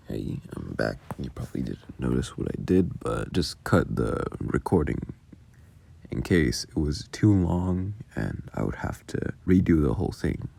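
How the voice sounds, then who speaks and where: An audio creator gives informal, halting, self-deprecating behind-the-scenes commentary, speaking casually close to the mic. His voice sits low, with vocal fry and a slightly mellow quality.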